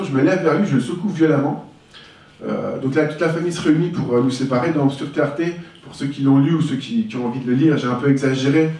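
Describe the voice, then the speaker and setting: Heard from a distance in a reverberant room with slight background noise, a man with a medium-pitched, darkish voice gives a frank, thoughtful account of his life as a personal testimony.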